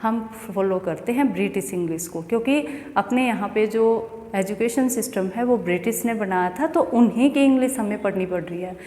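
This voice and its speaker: A woman's voice: medium pitch, moderate pace, hardly any pauses, mellow. A woman from India teaching an English pronunciation lesson, explaining step by step and often asking the student questions. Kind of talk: classroom lesson. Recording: echoey room with long reverb.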